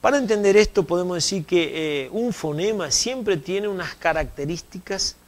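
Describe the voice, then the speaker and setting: A man's voice: sits high, expressive, normal speed. Explanatory man lecturing on phonology. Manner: explanatory, repeats key terms, checks understanding with "¿eh?". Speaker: university Spanish lecturer. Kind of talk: recorded distance-learning lecture.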